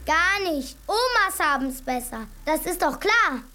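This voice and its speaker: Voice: extremely high pitch, animated, unhurried, pushed and bright, exaggerated voice. A performer voicing a stubborn, whining little boy in a radio drama. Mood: bossy. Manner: whining, insistent.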